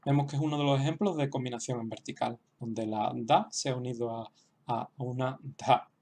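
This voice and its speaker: A man explaining a writing lesson slowly, with frequent fillers and restarts. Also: medium pitch, fairly even intonation, a little mellow. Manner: hesitant, many restarts and fillers; slow, explanatory. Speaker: language teacher. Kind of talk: online lesson.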